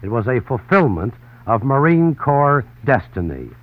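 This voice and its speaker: Playing a radio correspondent, a man narrates in the dramatic, emphatic style of a 1940s newsreel. His medium-pitched voice is sing-song and a little slow, on a dry recording that sounds like a tinny old broadcast with faint hiss.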